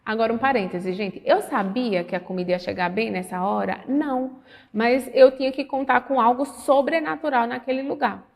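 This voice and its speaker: Gravelly-voiced woman teaching in an echoing room. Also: on the high side, moderate pace. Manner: animated, re-enacts dialogue, earnest devotional tone. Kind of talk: lesson with personal storytelling.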